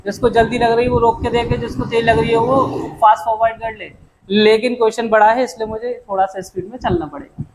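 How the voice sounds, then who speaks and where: High-voiced male commerce tutor. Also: little pitch movement, a crowd in the background, poor audio. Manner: brisk and chatty, addresses students as "beta" and "dost"; mixes English terms into explanations. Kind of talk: classroom lecture.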